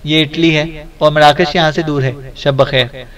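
A man doing a sharp-tongued young woman. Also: a little high, fairly even intonation, measured pace. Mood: curt. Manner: curt, sarcastic.

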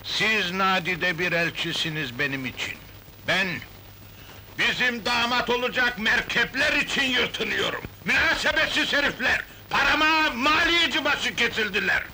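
An actor playing a carefree, defiant wealthy old father who laughs loudly and talks theatrically in a 1970s film. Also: sits high, unhurried, slight background noise, exaggerated voice, rough recording. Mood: boisterous.

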